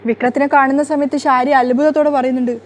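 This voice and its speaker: Woman narrator, fast running recap, slightly high voice. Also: level tone. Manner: rapid, breathless retelling.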